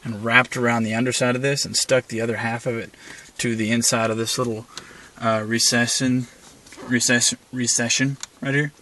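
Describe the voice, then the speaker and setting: A video maker shows off his car setup from the driver's area, camera in hand, in an unpolished, rambling way with lots of "uh." His mid-range voice is level but pushed and bright, moving at a moderate pace. A bit of background noise is audible.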